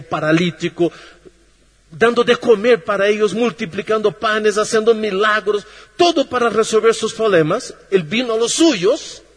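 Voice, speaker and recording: A man preaching a sermon slowly, with long pauses, sinking low and soft and then lifting his voice. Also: husky. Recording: long reverb of a hall.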